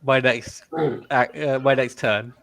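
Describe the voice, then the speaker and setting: Mid-pitched man hesitantly talking through game moves. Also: level tone, slow, crowd noise. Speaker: player in a tabletop game. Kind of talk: casual game chat.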